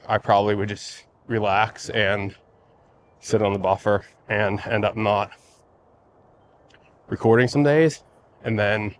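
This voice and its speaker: A man with a fairly low voice chats casually while out walking, recording a vlog. His delivery is flat and musing, with halting phrases. Faint outdoor noise sits behind him. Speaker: vlogger. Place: outdoors, walking by lakes in a neighborhood before sunrise.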